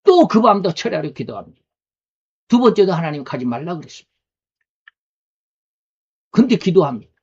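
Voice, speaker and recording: Higher-voiced man preaching a sermon. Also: very animated, moderate pace, long pauses, slightly rough. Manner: conversational preaching with rhetorical questions. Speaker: pastor. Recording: dull lo-fi recording.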